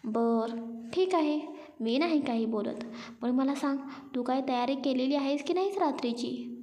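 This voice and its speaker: A woman's voice: sits high, unhurried, dark tone. A woman voicing a playful young woman who teases her newly married friend. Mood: teasing. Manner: teasing, cheeky.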